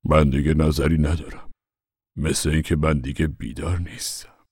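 A man's voice: a bass voice, fairly even intonation, a little mellow, breathy edge, no room sound, clean studio sound, full character voice. A man voicing a gloomy, hopeless older uncle in an audiobook. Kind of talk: audiobook character reading.

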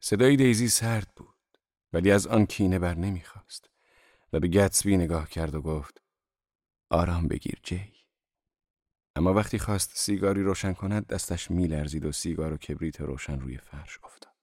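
Deep-voiced male audiobook narrator. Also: darkish tone, no room sound, studio quality.

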